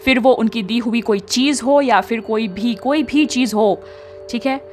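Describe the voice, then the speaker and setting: A woman's voice: on the high side, a little slow, soft background music. A young woman, giving chatty spiritual guidance as a tarot reader and often checking in with her listeners. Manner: chatty, mixes English into talk, frequent tag questions.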